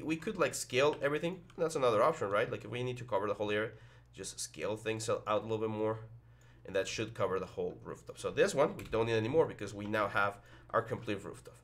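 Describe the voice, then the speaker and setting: A man's voice: fairly low pitch, a bit bright. A young man with a headset teaching 3D modeling over a screen recording, thinking aloud with lots of fillers and restarts. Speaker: 3D modeling instructor. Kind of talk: screen-recorded software tutorial.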